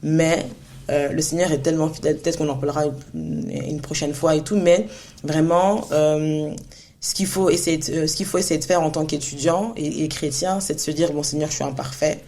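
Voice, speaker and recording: A woman's voice: low-pitched, fairly even intonation, a little fast, gravelly, mellow, a little hiss or hum. A woman in her thirties, co-hosting a faith podcast in an earnest, encouraging, casual way, with frequent laughs and restarts. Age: 30s. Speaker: podcast co-host.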